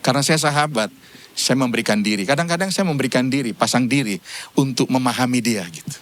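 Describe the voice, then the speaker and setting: A man's voice: mid-range voice, quick pace, a bit bright. A man, a pastor, giving a humorous church sermon, telling stories and acting out conversations with his wife, chuckling between points. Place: church service.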